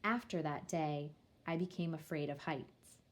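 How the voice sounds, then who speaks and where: In a low-pitched voice, a woman reads a children's picture book aloud in the first person, telling the story in a measured, expressive way.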